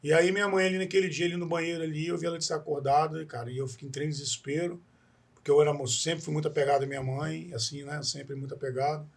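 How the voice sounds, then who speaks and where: Here a Brazilian man from Espírito Santo, appearing as a podcast guest, narrates his life in an interview. His voice is husky and on the higher side, his tone level, his pace quick, and he rambles earnestly, restarting often and tacking questioning asides onto many phrases.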